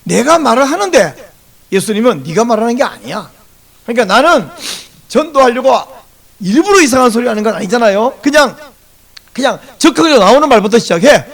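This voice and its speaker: Animated gravelly-voiced male pastor preaching. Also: extremely high pitch, brisk. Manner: animated storytelling, acts out dialogue in varied voices. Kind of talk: Sunday sermon.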